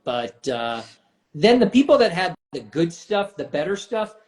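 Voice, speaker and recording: Man hosting a casual talk show, slightly high voice, laughs a lot, acts out dialogue. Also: measured pace, reverberant. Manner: animated, laughs often, acts out quoted dialogue. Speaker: podcast host. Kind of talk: casual chat.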